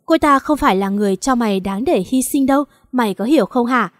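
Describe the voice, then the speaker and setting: Furious young gangster man out for revenge, read by a woman, angry, higher-pitched. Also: monotone, fairly quick, big-room sound, lightly acted. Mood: grieving anger. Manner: angry, shouting.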